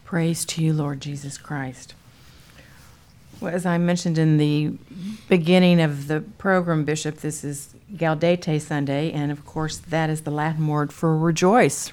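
Low-pitched woman hosting a religious program. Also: a little mellow. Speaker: program host.

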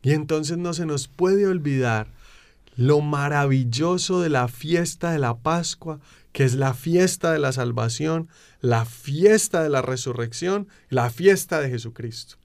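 Emphatic preaching man, slightly high voice. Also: gravelly, darkish tone. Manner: emphatic, slow build-ups, frequent rhetorical "¿cierto?" tags. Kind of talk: preaching explanation of faith.

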